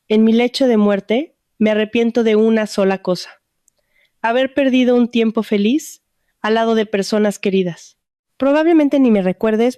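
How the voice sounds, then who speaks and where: A woman's voice: medium pitch, warm tone, clean tone, no room sound, studio quality, close to an everyday voice. A woman reading as a remorseful dying old aunt. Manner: regretful, tender. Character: remorseful dying elderly aunt writing a letter.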